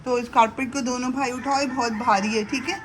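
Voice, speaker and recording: Cooking breakfast in her own kitchen, a middle-aged woman who vlogs chats casually to viewers and fondly to her sons, recorded handheld. Her pitch is fairly high, her tone steady, and she talks a little fast over background noise.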